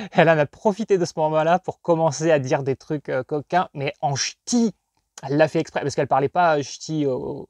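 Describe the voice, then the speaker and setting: A man's voice: on the high side, darkish tone, no room sound, clean studio sound. A man from northern France, chatting casually about his collection in a rambling, digressive way full of hesitations. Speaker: collector vlogger. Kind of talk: casual chat.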